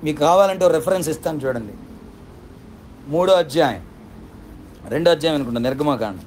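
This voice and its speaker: A man's voice: on the high side, lively intonation, brisk, darkish tone, a little hiss or hum. A male pastor preaching a sermon with fervent, repetitive rhetorical questions.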